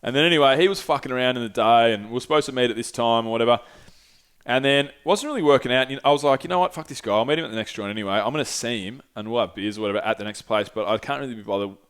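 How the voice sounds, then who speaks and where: Young Aussie guy, mid-pitched smooth voice, easygoing storyteller who rambles and swears. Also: rapid-fire, fairly bright tone. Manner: rambling, laid-back, swears freely, lots of fillers. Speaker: podcast guest telling travel stories. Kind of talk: casual storytelling.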